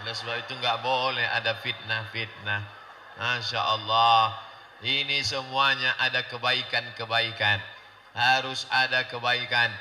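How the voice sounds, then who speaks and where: A man's voice: mid-range voice, a little slow, big-room sound, a little hiss or hum, rough recording. A man preaching a humorous sermon to a congregation, acting out quoted voices. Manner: acts out quoted voices, animated and joking.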